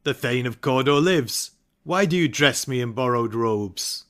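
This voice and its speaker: A man's voice: medium pitch, lively intonation, measured pace, fairly bright tone. Man acting a brooding, ambitious warrior thane. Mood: wondering, intent. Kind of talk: dramatic Shakespeare reading.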